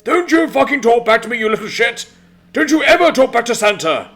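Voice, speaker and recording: A man voicing a foul-mouthed, violent old Santa Claus in a spoken story, mocking and shouting threats. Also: sits high, big pitch swings, moderate pace, soft background music, voice pushed up. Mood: mocking, angry.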